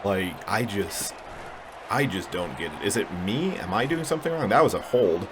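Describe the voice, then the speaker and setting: Over a noisy background, a man with a lowish voice plays a video game and talks at normal speed. His let's-play commentary as a gaming channel host is animated yet casual, mumbly, and self-deprecating.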